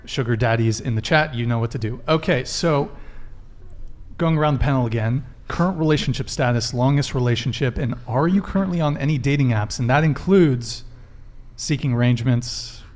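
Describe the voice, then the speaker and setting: A man hosts a podcast panel in a casual style, running through announcements and questions with joking asides. His voice is mid-range and his pace normal.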